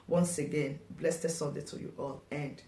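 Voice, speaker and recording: A woman's voice: sits low, fairly even intonation, moderate pace, dark tone, slight background noise. A Nigerian woman commenting on a vlog, combative and taunting, firing off rhetorical questions. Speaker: online political commentator. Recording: echoey room.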